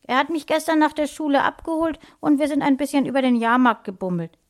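A woman's voice: high-pitched, fast, pitched above the performer's own voice, close to an everyday voice. A woman voicing a slight young schoolboy who acts secretive and important, in a raised boyish voice. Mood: eager.

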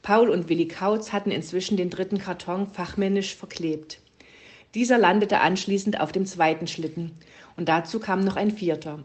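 A woman's voice: fairly low pitch, moderate pace. Woman reading a children's story.

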